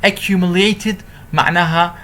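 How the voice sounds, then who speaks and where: Give me a man teaching a recorded interpreting lecture, a bit high-pitched, reading slowly and explaining quickly. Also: fairly even intonation, pushed and bright. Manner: switches between slow deliberate English and quick Arabic explanation. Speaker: university translation lecturer.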